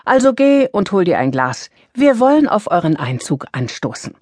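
Brief: easygoing grandmother in a storybook, read by a woman, calm and lively. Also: fairly low pitch, moderate pace, dry recording. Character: relaxed lenient grandmother.

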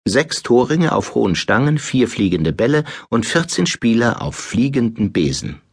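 Husky, lively male audiobook narrator. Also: mid-range voice, normal speed, no echo, studio quality. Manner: expressive storytelling, many character voices. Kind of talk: scripted narration.

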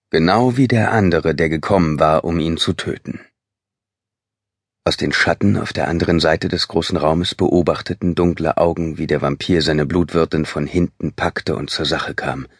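A man narrating a dark fantasy audiobook in a measured, dramatic way, recorded close in a studio. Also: deep voice, breathy edge, no room sound. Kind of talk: scripted narration. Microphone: close studio mic.

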